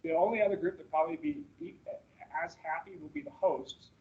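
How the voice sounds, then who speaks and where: A man with a slightly higher voice walks colleagues through slides in a meeting room, heard over a video call. He talks casually, rambling and restarting with plenty of fillers. The audio is dull and lo-fi, like a captured meeting call. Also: sing-song, brisk. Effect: heard through a video-call meeting recording. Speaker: manager presenting at a staff orientation. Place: meeting room with people present.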